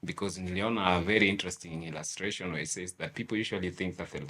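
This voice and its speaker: A Kenyan man from Nairobi speaks in a very low, deep voice. He talks as an interview guest, casual and reflective, and drops Swahili slang into his English. Faint ambient noise sits in the background. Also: fairly even intonation, fast talker, sharp tone. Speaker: guest entrepreneur.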